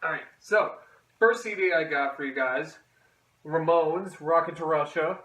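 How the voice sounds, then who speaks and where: Young guy rambling casually for his vlog, kinda high voice, really echoey room, mic sounds far off. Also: unhurried, bright, forceful tone. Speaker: host of a music collection video series. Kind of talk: casual vlog chat to camera.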